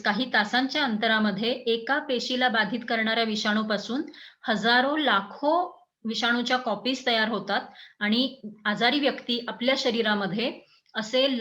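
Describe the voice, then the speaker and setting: A woman giving an explanatory health talk as an educator, in a measured teaching tone with frequent pauses and fillers. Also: fairly high pitch, pushed and bright, poor audio.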